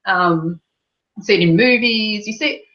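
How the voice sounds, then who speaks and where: A woman's voice: mid-range voice, unhurried, fairly bright tone. A woman with an Australian accent speaking on a panel, emphatic and indignant. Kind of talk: panel discussion. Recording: dull lo-fi sound.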